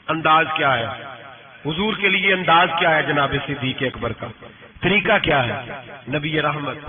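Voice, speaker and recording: A high-pitched man preaching with fervor, voicing each exchange of his story and pushing his words up in sudden emphatic swells. The recording is thin and tinny, like it came over a phone line. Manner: impassioned, acts out dialogue with rising emphatic bursts. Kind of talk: Urdu sermon storytelling.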